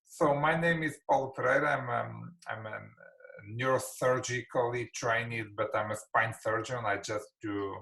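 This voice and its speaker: A man, a spine surgeon from Portugal and a native Portuguese speaker, gives a webinar lecture over a video call with a Portuguese accent, halting often with fillers and restarts. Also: medium pitch, fairly even intonation, creaky, bright, forceful tone, poor audio. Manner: hesitant, many fillers and restarts.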